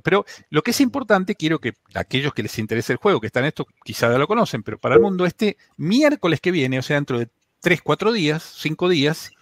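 A man's voice: on the high side, no room sound, clean studio sound. A man from Argentina with a Buenos Aires accent, chatting casually on a radio show and explaining things at length with many restarts. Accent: Buenos Aires Spanish. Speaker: tech segment contributor.

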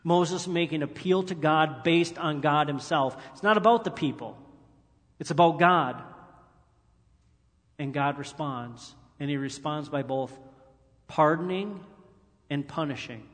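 A man's voice: fairly high pitch, unhurried, long pauses, in a large hall. A male pastor preaching a sermon in an earnest way, reading scripture aloud with emphatic rises.

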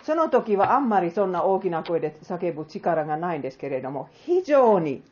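Lively low-voiced woman preaching. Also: brisk, lo-fi sound. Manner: earnest, poses rhetorical questions to listeners. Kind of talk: sermon with closing prayer.

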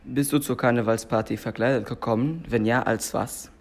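A man hosting a school survey, reading out his questions in a plain, measured way. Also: mid-range voice, steady tone, heavy background noise.

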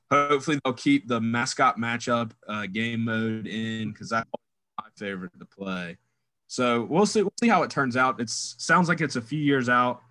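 A man's voice: mid-range voice, pushed and bright, dry recording. A man co-hosting a podcast in casual sports chat, thoughtful and weighing both sides. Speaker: podcast co-host.

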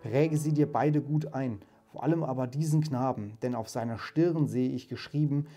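A man's voice: mid-range voice, normal speed, mellow, dull audio, faint music behind, lightly acted. A man reading aloud, voicing a solemn, sorrowful Christmas spirit in a raised, grave tone. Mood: accusing.

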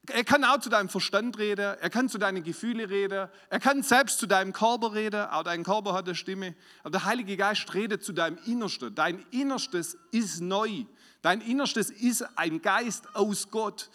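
High-voiced man preaching in a hall. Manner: lively preaching, swings between loud emphasis and quiet asides. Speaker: pastor. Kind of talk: sermon. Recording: hall reverb.

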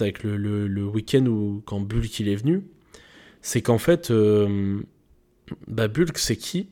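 A man's voice: lowish voice, mellow. A young man hosting a podcast, giving a casual motivational monologue in loose slang with lots of fillers and restarts. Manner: rambling, loose slangy talk with many fillers. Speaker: podcast host.

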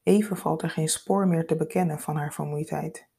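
A woman reads a scripted story in a calm, unhurried, intimate way. Her voice is low and husky, with a gravelly fry and a dark, mellow tone. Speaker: narrator.

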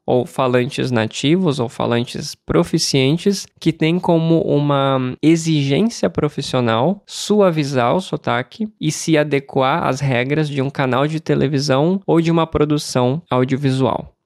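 A Brazilian man teaching Portuguese on a podcast, explaining calmly and asking and answering his own questions. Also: fairly high pitch, a little slow, hardly any pauses, no room sound, studio quality. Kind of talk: podcast lesson for learners.

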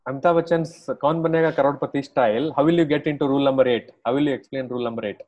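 A man's voice: mid-range voice, steady tone, rapid-fire, darkish tone. A man with an Indian accent interviewing in a conversational way, repeating short phrases. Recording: dull, lo-fi audio.

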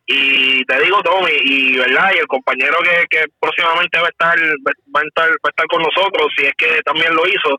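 Bright-voiced man recalling training. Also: fairly high pitch, fairly even intonation, slightly rough, no room sound, rough recording. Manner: halting, repeats words while recalling. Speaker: police officer guest. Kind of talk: casual podcast conversation.

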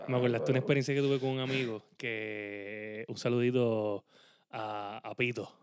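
Dude chatting, animated, english words thrown in, dry sound. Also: male voice, mid-range voice, normal speed, smooth, dry recording. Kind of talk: casual chat.

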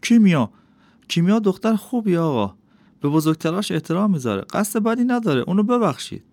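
A man's voice: high voice, sing-song, warm tone, no echo, pitched above the performer's own voice. A man reading an audiobook, voicing an anxious father who pleads urgently for his daughter. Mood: anxious, pleading. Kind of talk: audiobook character voice.

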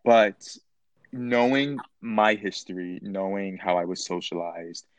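A young man in his twenties telling a story as a podcast guest, lively and playful, his voice jumping sharply higher whenever he stresses a point. His speaking voice sits on the lower side, and the recording is close and dry. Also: slow pace, dry recording. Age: 20s. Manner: animated and playful, jumping into a high voice for emphasis. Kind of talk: casual chat.

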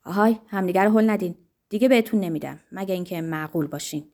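A woman's voice: fairly low pitch, fairly even intonation, a little mellow, voice pushed down, natural voice. Lady reader playing a bossy official guy, orders people around, then sweet-talks, audiobook. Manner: commanding then coaxing. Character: bossy male official handing out pills, smoothly placating.

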